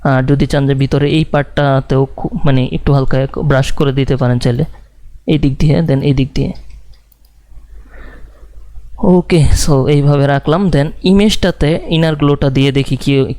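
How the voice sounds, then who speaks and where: A man walks through a live design tutorial, thinking aloud slowly with plenty of fillers and English words mixed in. His voice is smooth and clear, recorded close and dry. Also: mid-range voice, mellow, dry recording.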